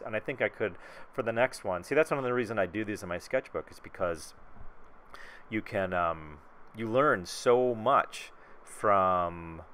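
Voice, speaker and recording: A deep-voiced man with a Midwestern American accent chats his way through a painting session. He rambles, fills pauses with ums, and plays down his own work. A faint room ambience sits under his voice. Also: a bit bright, a little hiss or hum. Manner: rambling, self-deprecating, many fillers. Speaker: artist. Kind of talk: casual painting commentary. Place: home studio.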